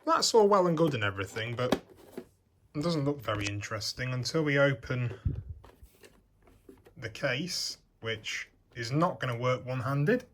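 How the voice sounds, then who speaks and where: A man with a medium-pitched, lively voice demonstrates a vintage tape machine hands-on at his home workbench, going at a moderate pace with long pauses. As a vintage electronics hobbyist, he explains the parts in a chatty, thinking-aloud way against background noise.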